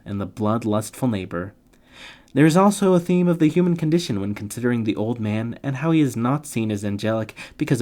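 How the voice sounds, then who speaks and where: A man with a fairly low, slightly mellow voice delivers scripted, explanatory narration for literature summary videos. He sounds playful and tongue-in-cheek, dropping slangy comic asides among the more formal lines.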